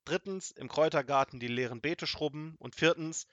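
A man's voice: on the high side, a little fast, a bit bright, dry recording, highs cut off, lightly acted. A man voicing a cheeky young male trickster in a storybook, speaking in a mock-innocent, fake-confused way. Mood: playing dumb.

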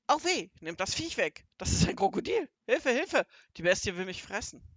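A reader voicing a blustering male robber who yells in high-pitched panic, in an audiobook. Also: steady tone, fast talker, dry recording, natural voice. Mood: panicked. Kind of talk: audiobook character voice.

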